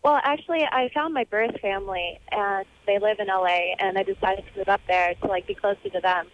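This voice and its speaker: A woman's voice: mid-range voice, a little fast. A woman of twenty-one confiding casually as a caller to a radio show over the telephone. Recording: dull telephone line.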